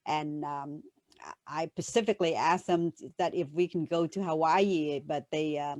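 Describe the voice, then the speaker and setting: A woman's voice: sits low, measured pace, darkish tone, no room sound. A woman from Vietnam co-hosting a casual talk show, chatty and joking, with laughs between her lines. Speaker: co-host.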